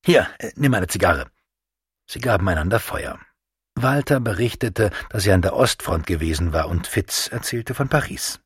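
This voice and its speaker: A man narrating a novel as an audiobook in a measured, expressive reading. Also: fairly low pitch, breathy edge, no room sound, studio quality.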